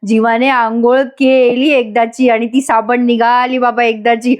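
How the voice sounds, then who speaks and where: A woman's voice: on the high side, level tone, a little slow. Chatty woman recapping a soap. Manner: chatty, laughs often, addresses viewers. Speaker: TV serial reviewer. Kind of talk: voice-over episode recap.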